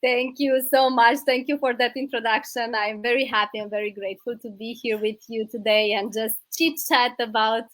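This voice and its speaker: A woman in her thirties from Romania, a native Romanian speaker, telling her life story as an interview guest, warm and grateful with many hesitant fillers. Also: a little high, steady tone, moderate pace, few pauses, no room sound, poor audio. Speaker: guest, business coach.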